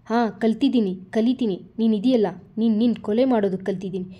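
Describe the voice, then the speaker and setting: A woman's voice: on the high side, fast talker, natural voice. A woman voicing a sulky, playful young heroine who pouts and talks like a child in a storybook reading. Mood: pouting. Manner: pouting, childlike. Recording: dull lo-fi recording.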